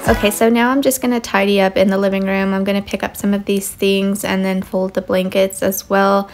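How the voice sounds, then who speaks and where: A woman's voice: mid-range voice, fairly quick, soft background music. A mother narrating her home cleaning in a casual, rambling way with many fillers. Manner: relaxed, rambling, lots of fillers.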